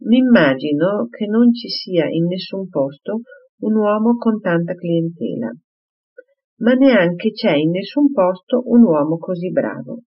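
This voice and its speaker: A man's voice: high-pitched, expressive, a little slow. A reader voicing a fretful, doting elderly father in an audiobook, fussing in a raised voice. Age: older. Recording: slightly muffled recording.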